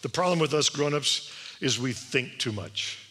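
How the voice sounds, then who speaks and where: A man's voice: medium pitch, expressive, moderate pace, bright, forceful tone. A man giving an emphatic sermon-style talk to a room full of people, asking rhetorical questions and acting out quotes. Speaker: speaker at a church event. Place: large room with audience. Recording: long hall reverb.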